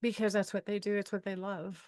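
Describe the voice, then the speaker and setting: A middle-aged woman speaking as a spiritual guide, telling personal stories in an expressive, upbeat way, laughing often and acting out the people she quotes. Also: mid-range voice, a little fast, no room sound, studio quality. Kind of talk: animated personal storytelling talk.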